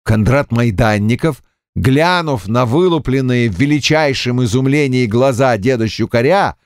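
A man narrating a classic novel as an audiobook with an expressive storytelling cadence. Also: mid-range voice, normal speed, dry recording, studio quality. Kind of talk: scripted literary narration.

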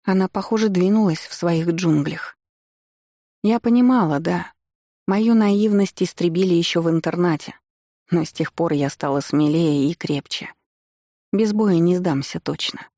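A woman narrating a first-person audiobook in a steady, measured storytelling way. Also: fairly low pitch, no echo, studio quality.

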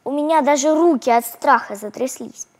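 A woman reading a children's story aloud in the first person, expressive and animated. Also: sits high, moderate pace.

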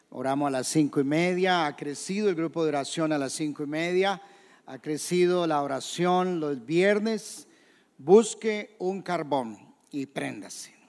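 A man preaching a sermon as pastor in a church, questioning the congregation and shouting quoted scripture. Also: on the high side, big-room sound. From Colombia. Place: church hall.

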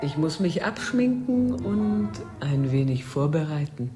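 In a German radio drama, an actress plays an enigmatic, seductive woman who is coolly commanding and melancholy. Her low female voice is husky and breathy with a sing-song lilt, delivered slowly, deliberately and theatrically in a cool, enigmatic mood. Music plays in the background.

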